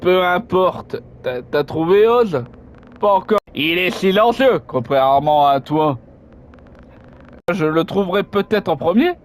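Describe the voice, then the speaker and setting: Male let's player with a high voice and casual, halting commentary, with faint noise under the voice. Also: lively intonation. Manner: hesitant, filler-heavy asides. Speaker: let's play gamer. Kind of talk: casual gameplay commentary, reading game dialogue aloud.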